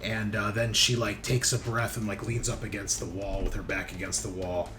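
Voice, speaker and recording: This game master has a fairly low voice and speaks in a level tone at a moderate pace, with music playing behind him. He runs the tabletop roleplaying session in a loose, foul-mouthed, joking manner.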